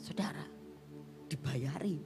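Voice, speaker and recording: Woman evangelist, dramatic storytelling sermon, slow, long church reverb, soft music. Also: low-pitched. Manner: dramatic, addresses the congregation directly. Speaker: evangelist preacher.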